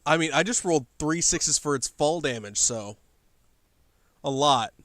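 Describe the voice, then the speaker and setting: A man running a tabletop game as game master, giving brisk, matter-of-fact rulings. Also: fairly high pitch, animated, fairly bright tone, no echo.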